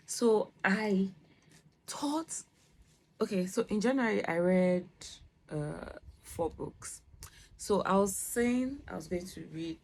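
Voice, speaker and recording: A woman's voice: mid-range voice, a little mellow, poor audio. A young woman chatting casually about books she read, laughing often and trailing off mid-sentence before starting again. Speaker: book vlogger. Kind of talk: casual book review chat.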